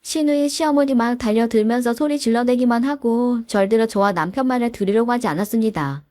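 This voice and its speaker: A woman's voice: fairly high pitch, fairly quick, warm tone. A woman narrating her own family story in a weary, plain way. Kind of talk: scripted narration.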